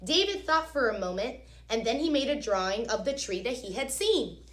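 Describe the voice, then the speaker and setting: In a very echoey room, a woman with a fairly high voice reads a children's story at normal speed. Like a teacher, she is expressive and instructive, breaking away from the text to explain things directly to her young audience.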